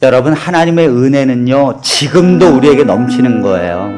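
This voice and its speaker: A middle-aged man preaching a sermon, telling a folk tale with lively asides to the congregation. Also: medium pitch, normal speed, over music. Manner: animated storytelling with asides. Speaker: pastor. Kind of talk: sermon storytelling.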